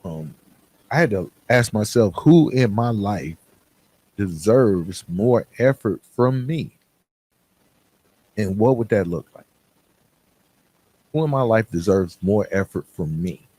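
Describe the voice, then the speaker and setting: A middle-aged man from Atlanta, United States, hosts a motivational podcast and speaks earnestly and conversationally straight to the listener, using rhetorical questions and check-ins. His voice is lowish, a little mellow, with a breathy edge.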